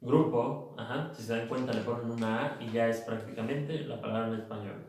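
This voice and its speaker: A man teaching English pronunciation, patiently explaining and repeating example words slowly. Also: medium pitch, steady tone, a little mellow, very echoey, distant mic, a little hiss or hum, poor audio. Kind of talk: pronunciation lesson.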